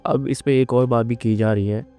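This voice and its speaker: A man giving unscripted, earnest analytical commentary on current events, pausing and restarting as he thinks. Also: mid-range voice, steady tone, warm tone, smooth, soft background music. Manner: earnest, measured, with frequent restarts and fillers.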